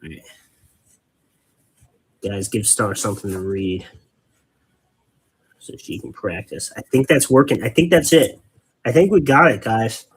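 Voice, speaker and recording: A fairly low-pitched, slightly rough male voice comes across a little slow, with frequent pauses. He hosts a relaxed hobby painting stream, meandering through live chat as he paints, explaining things patiently and cracking corny dad jokes.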